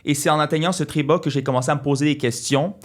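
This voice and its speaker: A man's voice: a little high, fairly even intonation. A man, speaking earnestly as an interview guest and often restarting his sentences. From Quebec. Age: 20s. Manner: earnest, halting with many restarts. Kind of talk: casual interview talk.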